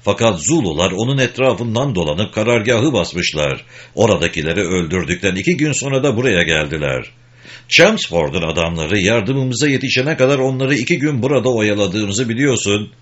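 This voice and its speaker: A small, wry English soldier speaks bluntly and without sentiment, as a man puts him on in a storybook reading. His voice sits low. The recording is dull and lo-fi. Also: lively intonation, moderate pace, fairly bright tone. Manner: blunt, matter-of-fact.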